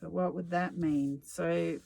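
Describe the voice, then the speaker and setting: Tarot reader, slow unhurried delivery, musing, sarcastic, casual swearing, solo reading. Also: medium pitch, fairly even intonation, creaky, darkish tone, rough recording.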